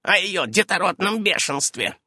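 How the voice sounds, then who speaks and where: A man voicing a fussy, brisk old female witch who keeps darting from question to question in an audiobook. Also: lively intonation, bright, forceful tone, slightly rough, dry recording, clean studio sound, exaggerated voice. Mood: brisk, prying. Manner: shrill, darting, interrupting. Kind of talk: audiobook character voice.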